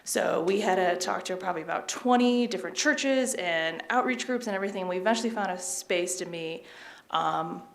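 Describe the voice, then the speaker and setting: A woman's voice: lowish voice, moderate pace, creaky. A woman with a New York accent, a community organizer speaking casually and upbeat during public comment at a council meeting. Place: council chamber.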